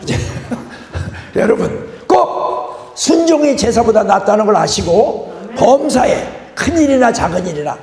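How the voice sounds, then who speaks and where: A man's voice: high-pitched, sing-song, a little slow, gravelly, darkish tone. An older man preaching a guest sermon in a church, folksy, with joking asides to the congregation. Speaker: guest pastor. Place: church sanctuary. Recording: echoey church hall.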